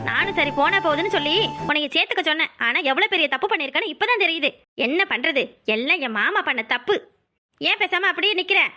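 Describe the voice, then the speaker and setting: A woman voicing a scheming, sharp-tongued young woman in a cartoon, taunting and ordering the others around. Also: extremely high pitch, lively intonation, quick pace, music in the background. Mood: scolding. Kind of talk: cartoon voice acting.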